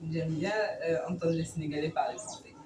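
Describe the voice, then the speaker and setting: A woman's voice: sits low, brisk. Chatty woman vlogging in an echoey room. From Cameroon. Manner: chatty, rambling, self-correcting. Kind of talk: casual chat to camera. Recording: echoey room, far from mic, noisy.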